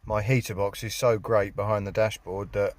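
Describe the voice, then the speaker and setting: A British man fitting a radio in his car chats casually for his DIY vlog, muttering dry, self-deprecating complaints as he goes. His voice is on the low side, level in tone, at a moderate pace.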